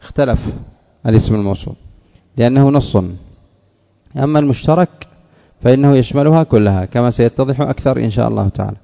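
A man teaching a grammar lesson, explaining a text in a measured way and repeating phrases to drive each point home. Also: medium pitch, gravelly. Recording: dull lo-fi sound with long hall reverb.

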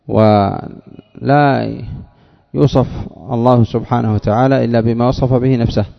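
Gravelly-voiced man teaching in a hall. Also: mid-range voice. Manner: measured, repeats phrases to drive points home. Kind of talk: grammar lesson explaining a text. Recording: dull lo-fi sound with long hall reverb.

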